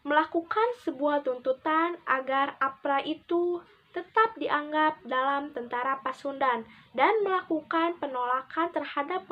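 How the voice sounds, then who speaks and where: A young woman presenting a school history assignment, reading earnestly from notes with halting phrasing. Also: high-pitched. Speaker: student presenter. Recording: dull lo-fi recording with faint hiss.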